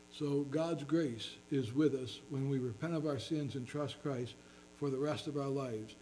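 A man's voice: on the high side, mellow, slight background noise, rough recording. A man preaching a sermon as pastor, earnestly reading scripture in King James wording.

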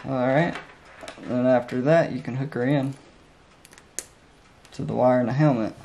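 Laid-back man with a mellow voice. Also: mid-range voice, fairly even intonation, a little slow, gravelly, a little hiss or hum. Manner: laid-back, folksy, plain-spoken. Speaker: motovlogger. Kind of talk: casual how-to vlog. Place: indoors at a dining table. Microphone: helmet-mounted mic by the camera.

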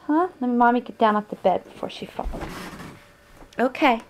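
A woman's voice: on the high side, steady tone, moderate pace, slight background noise, rough recording. A young woman filming her baby at home for the grandparents, coaxing the baby with repetitive sing-song baby talk on a handheld camcorder in a bedroom.

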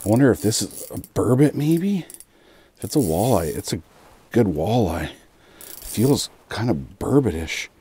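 A man in his thirties giving excited running commentary while ice fishing inside a small shelter. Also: fairly low pitch, measured pace, breathy edge, dry recording. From Canada. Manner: excited running play-by-play, chuckling. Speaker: fishing vlogger. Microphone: camera clipped to his cap and a fixed camera.

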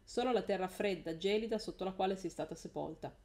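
A woman voicing a jealous, menacing villain man as she reads a novel aloud, in a slow, taunting delivery. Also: medium pitch, warm tone, close to an everyday voice.

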